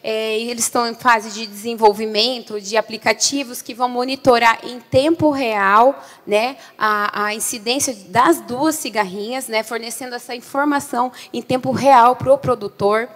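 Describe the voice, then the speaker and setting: A woman with a Brazilian accent explains research to an audience. Her voice sits a little high, and she punctuates her points with small tag questions. A long hall reverb surrounds it. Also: steady tone, moderate pace, hardly any pauses, fairly bright tone. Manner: explanatory, often adding checking tags. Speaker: conference presenter on agricultural research. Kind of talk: presentation to an audience.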